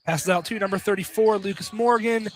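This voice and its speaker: A man with a high-pitched voice delivers live radio commentary on a basketball game at a slightly fast clip. He tosses in casual, opinionated remarks between plays, and the gym around him is noisy.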